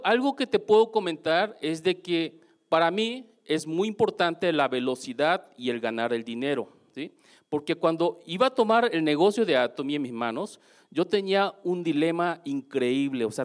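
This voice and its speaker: High-voiced Mexican man, motivational talk. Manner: keeps asking the audience questions, animated. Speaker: speaker at a business seminar. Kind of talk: motivational testimonial talk to an audience.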